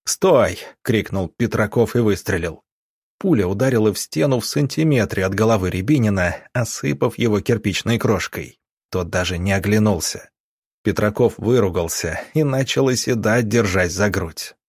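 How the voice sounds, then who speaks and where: Male audiobook narrator, husky, fairly low, dry close sound. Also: animated, normal speed, no echo.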